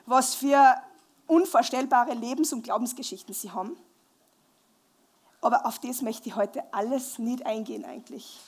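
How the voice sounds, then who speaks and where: Woman preacher, high voice, lively live sermon with questions to the congregation. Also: normal speed, husky. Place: church hall, live before a congregation.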